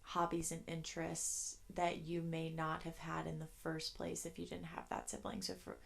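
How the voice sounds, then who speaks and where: Low gravelly-voiced young woman chatting. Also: monotone, normal speed. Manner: chatty, rambling, laughs between thoughts. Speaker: podcast host. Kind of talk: casual solo podcast storytelling. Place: her bedroom.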